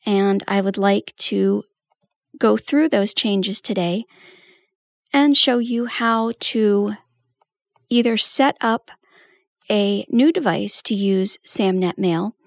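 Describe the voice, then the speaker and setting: A woman's voice: fairly high pitch, gravelly, no echo, clean studio sound. A woman giving a patient, step-by-step tutorial walkthrough as a trainer. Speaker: assistive technology trainer.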